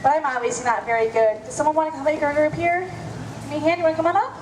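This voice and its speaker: Casting: high-pitched woman for a children's zoo show, kids' party magician coaxing the audience, echoing, noisy live sound. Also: rapid-fire.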